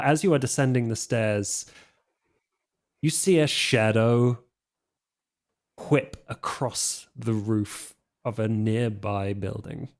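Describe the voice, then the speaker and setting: A man narrating as storyteller of a tabletop game in a loose, unhurried way, with many fillers. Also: mid-range voice.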